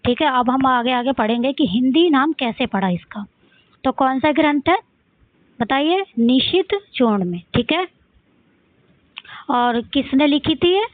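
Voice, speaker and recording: A woman's voice: high voice, lively intonation, measured pace, long pauses, dry recording. A woman with a Rajasthani accent teaching an exam-prep lesson. She asks questions and answers them herself, repeating key points. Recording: dry, phone-like audio.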